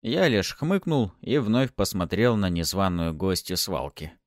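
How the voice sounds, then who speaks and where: Expressive male audiobook narrator. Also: deep voice, measured pace, no echo, studio quality. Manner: lively, expressive reading. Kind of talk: first-person audiobook narration.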